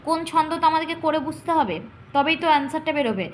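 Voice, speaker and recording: A woman teacher explaining poetic meter to students, speaking to them directly and drawing out syllables slowly to demonstrate. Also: high-pitched, expressive, a little hiss or hum. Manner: addresses students directly, checking understanding.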